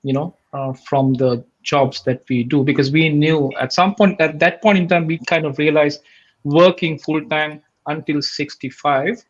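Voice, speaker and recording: A man's voice: fairly high pitch, a little slow. Earnest Sri Lankan-born man, dull call audio. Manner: steady and earnest, with many ums and restarts. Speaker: guest. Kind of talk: casual online interview.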